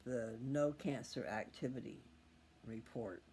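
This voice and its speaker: Here the scripture-reading channel host talks at a measured pace in a medium-pitched voice with a darkish tone. He rambles to his viewers in a folksy, meandering manner, working things out aloud. There's faint noise in the background.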